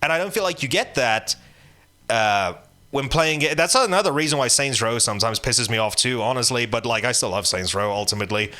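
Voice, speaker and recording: Rambling, blunt man with a bright voice. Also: mid-range voice, animated, fairly quick. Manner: rambling, many restarts and fillers, blunt and profane. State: hiccuping. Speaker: gaming channel host. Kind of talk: casual rambling game commentary.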